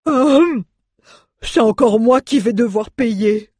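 A woman's voice: on the high side, takes it slowly, a little mellow, breathy edge, no echo, studio quality, voice pushed up. A woman voicing a grumbling, greedy male dwarf in an audiobook reading. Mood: complaining. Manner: grumbling, complaining.

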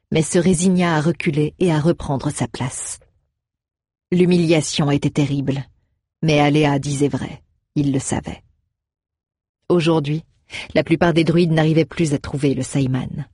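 A woman narrating a fantasy novel in a steady, measured storytelling voice. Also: deep voice, slightly rough, no room sound, clean studio sound. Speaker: audiobook narrator.

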